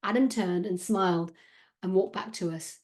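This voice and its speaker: Woman reading aloud, author reading her children's novel, steady expressive storytelling. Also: fairly low pitch, normal speed.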